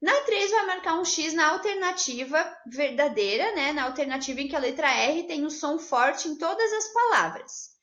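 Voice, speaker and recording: A Brazilian woman teaching a Portuguese lesson to children, upbeat and patient, checking in with the class after each point and drawing out example words slowly. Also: high voice, animated, fairly bright tone. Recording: roomy, slightly dull home video audio.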